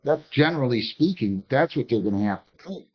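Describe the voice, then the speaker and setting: A man's voice: medium pitch, lively intonation, brisk, muffled recording. A man presiding as a judge in a courtroom hearing, stern and exasperated as he lectures counsel.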